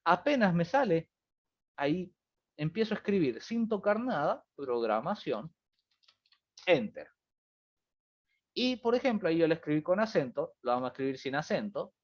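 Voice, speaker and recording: A man's voice: fairly high pitch, sing-song, moderate pace, pauses often, darkish tone. A man teaching a programming review class online, walking students through examples and checking in with them often. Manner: explanatory, repeats "fíjense" and "¿bien?". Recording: muffled lo-fi stream audio.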